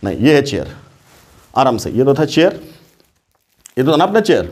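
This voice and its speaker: A man's voice: medium pitch, very animated, moderate pace, a little mellow. A male chemistry teacher lecturing a class, often repeating questions and checking that students follow, calling them "beta". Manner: addresses students casually as beta.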